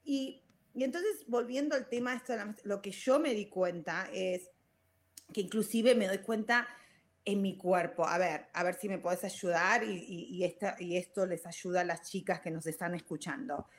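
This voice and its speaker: A woman's voice: mid-range voice, normal speed. A woman in her forties hosting a casual podcast chat, talking reflectively and dropping English fillers into her Spanish. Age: 40s. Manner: chatty and reflective, many restarts. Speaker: podcast host.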